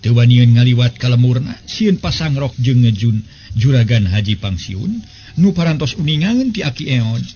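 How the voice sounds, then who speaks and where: An elderly man in his 70s, a storyteller and show host, narrates a folk serial tale conversationally in a warm, husky, mid-range voice with lively intonation at a normal speed. He's on a close desk microphone, and the sound is slightly dull with faint noise.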